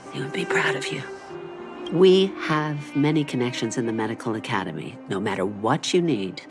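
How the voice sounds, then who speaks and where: An actress playing a tender older mother, speaking softly and slowly over game music. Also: rumbling low. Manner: soft, slow and soothing. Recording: game score underneath.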